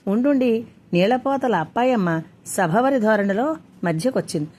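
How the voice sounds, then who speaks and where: A woman storyteller reading a story aloud in a steady, measured way. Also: on the high side, a little hiss or hum. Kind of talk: scripted story narration.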